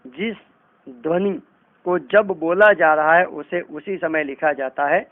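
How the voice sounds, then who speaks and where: A man teaching a language lesson, pronouncing each sound with care as he contrasts wrong and right forms. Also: fairly high pitch. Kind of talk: slow, deliberate classroom lesson. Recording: tinny, phone-like narrow sound.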